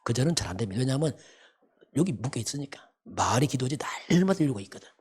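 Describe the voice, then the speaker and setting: A man's voice: medium pitch, very animated, fast, a little mellow, breathy edge. A man preaching a sermon as pastor, emphatic and repetitive, often asking rhetorical questions. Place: church sanctuary.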